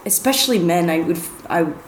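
A woman in relaxed, searching conversation. Her voice sits a little low, and she circles around her point with many restarts. The room rings noticeably, and a faint ambience hums underneath. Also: fast talker, echoey room, a little hiss or hum. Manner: searching, restarts often, laughs easily. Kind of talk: casual film discussion.

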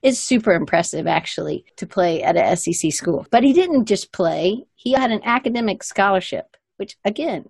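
A woman's voice: medium pitch, animated, moderate pace, creaky, few pauses, darkish tone, slightly rough, no room sound. A woman hosting an interview show, chatting in an upbeat, friendly way as she introduces her guest. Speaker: host. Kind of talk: casual interview chat.

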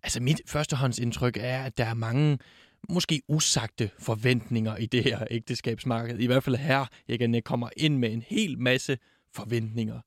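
A man's voice: medium pitch, steady tone, dry recording, clean studio sound. A man hosting a casual book discussion, thinking aloud as he sums up a story. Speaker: host.

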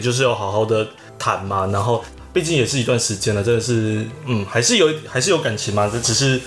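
Man, taiwanese mandarin accent, calm casual chat, podcast co-host, echoey room, faint music. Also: mid-range voice.

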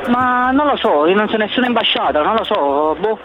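A man's voice: high voice, lively intonation, normal speed, highs cut off. A male shopkeeper answering a prank call, puzzled and wary.

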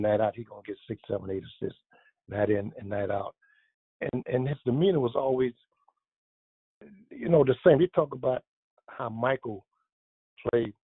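A man in his seventies, a former pro basketball player, reminiscing in a casual interview, rambling with many restarts, with a husky voice. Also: medium pitch, no echo. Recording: tinny phone line.

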